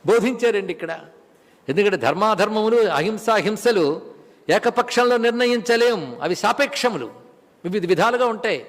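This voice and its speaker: A man's voice: sits high, expressive, moderate pace. A man giving a religious discourse, telling stories and reciting Sanskrit verses. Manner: storytelling with chanted Sanskrit verses. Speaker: spiritual discourse speaker. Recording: long hall reverb.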